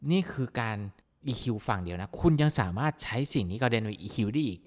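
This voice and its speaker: A man teaching vocal mixing in a casual, excitable way, breaking into amazed exclamations as he demonstrates a plugin. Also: lowish voice, brisk, long reverb tail. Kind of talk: plugin tutorial explanation.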